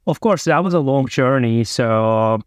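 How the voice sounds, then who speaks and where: A man's voice: medium pitch, expressive, a little slow, clear, resonant tone, no room sound. Turkish-accented man, dry close sound. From Turkey. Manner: earnest, loosely phrased non-native English. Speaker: guest. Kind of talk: remote interview.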